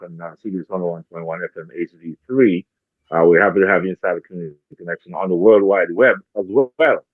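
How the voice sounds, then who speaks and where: A man with a very deep voice hosts a community radio show, pressing his points with "not true?" questions. His voice comes through a dry, narrow, phone-like line. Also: no room sound. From Jamaica. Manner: warm, rhetorical, repeats tag questions. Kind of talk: casual radio talk.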